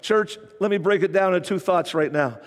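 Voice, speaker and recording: A man's voice: high voice, a little fast. A man preaching a sermon as pastor, repeating his phrases with emphasis. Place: church sanctuary. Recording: reverberant church hall.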